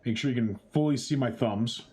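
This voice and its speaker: This young charity livestreamer works through a chopsticks challenge, chatting casually with his chat and punctuating each step with playful exclamations. His voice is medium-pitched, brisk and slightly mellow.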